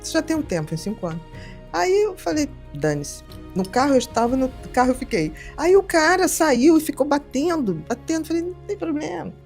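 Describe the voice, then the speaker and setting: A middle-aged woman, a psychiatrist telling stories in a casual podcast conversation, lively and acting out the people she quotes. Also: high-pitched, a little fast, faint music behind. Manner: animated storyteller, acts out quoted voices. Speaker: psychiatrist guest.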